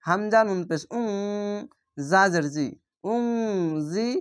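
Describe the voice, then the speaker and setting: A man teaching Quran reading, patiently spelling out each letter and vowel mark and then drawing out the Arabic words slowly. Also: high voice, smooth. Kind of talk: spelling-out Quran recitation lesson.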